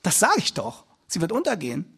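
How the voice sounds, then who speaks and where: A preacher voicing a good-natured, teasing apostle. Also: male voice, high-pitched, wildly swooping pitch, brisk, creaky, a bit bright, breathy edge, heavily acted. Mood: amused.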